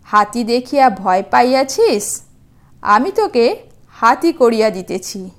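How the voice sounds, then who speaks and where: A woman's voice: on the high side, expressive, unhurried. A woman voicing a kindly old male sage in a storybook, soothing and protective, as if speaking to a child. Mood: reassuring.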